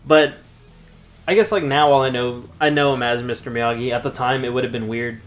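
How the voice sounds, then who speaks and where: A man's voice: mid-range voice, fairly even intonation, fairly quick, soft background music. A man in his thirties co-hosting a podcast, chatting casually about a movie, laid-back and profane, often laughing. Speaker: podcast co-host.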